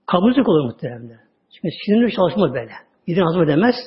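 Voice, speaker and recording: A man giving a religious talk, telling stories with drawn-out words and sudden drops to a low voice. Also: sing-song. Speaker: religious teacher. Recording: dull lo-fi audio recording.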